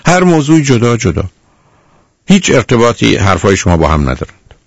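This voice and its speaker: Stern, gravelly radio counselor man. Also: mid-range voice, big pitch swings, no room sound, studio quality. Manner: stern, lecturing, repeats "dear" to the caller. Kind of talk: radio call-in advice.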